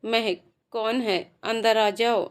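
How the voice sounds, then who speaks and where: A woman voicing a lively young woman, recovering from illness, who talks in a teasing, light-hearted way. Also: on the high side, slow pace, clean tone.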